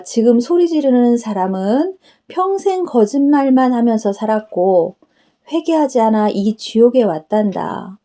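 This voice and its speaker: A woman's voice: on the high side, mellow. A woman preacher voicing Jesus as a tender, solemn, fatherly figure who instructs her. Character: Jesus, gentle fatherly male divine voice.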